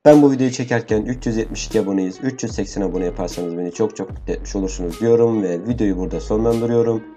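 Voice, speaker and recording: Excitable young man narrating mobile gameplay. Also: fairly low pitch, soft background music. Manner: excitable, repeats words fast, grumbling asides. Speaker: gaming YouTuber. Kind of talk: live gameplay commentary.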